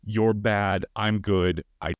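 A man's voice: on the low side, steady tone, slow, dry recording, highs cut off. A man co-hosting a casual film podcast, talking loosely with many fillers and restarts. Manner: loose, hesitant, lots of fillers. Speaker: podcast co-host.

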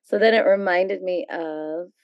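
A woman's voice: lowish voice, unhurried, clean tone, dry recording. A middle-aged American woman speaking as an interview guest, casually telling personal stories. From San Francisco Bay Area, USA.

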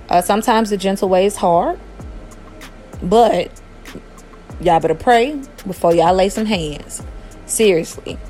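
A woman's voice: medium pitch, a little mellow. A woman in her thirties hosting a podcast, talking casually and directly to her listeners. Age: 30s. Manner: chatty, talks straight to listeners with "y'all". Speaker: podcast host. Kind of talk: casual monologue.

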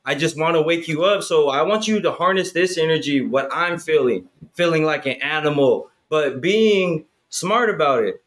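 A man's voice: fairly high pitch, animated, normal speed, few pauses, fairly bright tone. A man in his thirties talking in a casual chat, profane and hyped, filling his talk with "bro" and "right?". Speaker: podcast guest.

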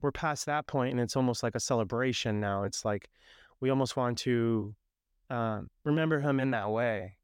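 A Puerto Rican podcast host chats casually and thoughtfully with his sister at their parents' house, agreeably affirming her with frequent backchannel remarks. His mid-range voice is clear and resonant at a moderate pace, captured in a dry, studio-quality recording.

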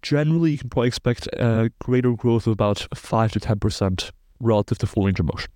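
A man's voice: medium pitch, fast, mellow, no room sound, studio quality. A man in his twenties from Belgium, a sports science researcher, explaining studies precisely and technically as a podcast guest. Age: 20s.

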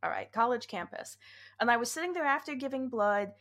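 Thirties woman podcast cohost, chatty storyteller, laughs a lot, a bit high voiced. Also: animated, a little fast, fairly bright tone. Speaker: podcast co-host. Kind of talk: casual chat.

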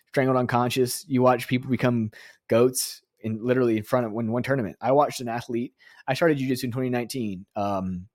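A man's voice: mid-range voice, a little mellow, no echo, clean studio sound. A man hosting a podcast, talking in a casual monologue that turns earnest and emotional, with some sarcastic joking. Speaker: podcast host.

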